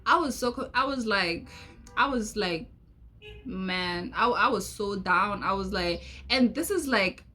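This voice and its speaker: A woman's voice: medium pitch, lively intonation, a little slow, sharp tone, faint music behind. A young South African woman spilling a personal story in a loose, chatty vlog style. She rambles, repeats lines and skips over details with filler sounds. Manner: chatty, rambling, repeats herself and fills gaps with "da da da". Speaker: vlogger. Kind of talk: casual storytime.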